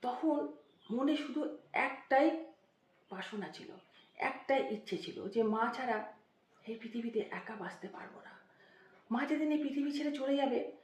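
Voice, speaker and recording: A woman's voice: high-pitched, distant mic. A woman giving a motivational talk as a story, with an emotive, dramatic delivery that rises and drops suddenly. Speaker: motivational speaker. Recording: echoey room.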